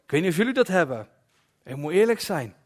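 A man preaching a sermon in a personal, confessional way, dropping to soft asides at times. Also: high voice, big pitch swings, quick pace.

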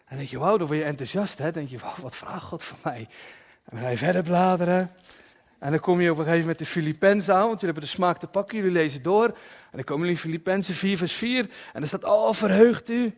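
A man preaching a sermon in a personal, confessional way, dropping to soft asides at times. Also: fairly high pitch, rapid-fire.

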